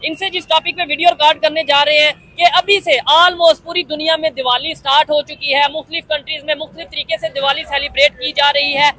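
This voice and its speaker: Man, Pakistani accent, street interview host, easygoing, conversational, high bright voice. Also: little pitch movement, fast talker, hardly any pauses.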